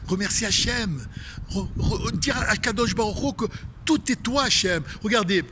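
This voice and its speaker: A man's voice: high-pitched, normal speed, background noise. A man with a Marseille accent giving an inspirational religious talk outdoors, emphatic and repetitive, speaking straight to his listeners. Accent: Marseille French. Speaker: spiritual speaker. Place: outdoors facing a tree.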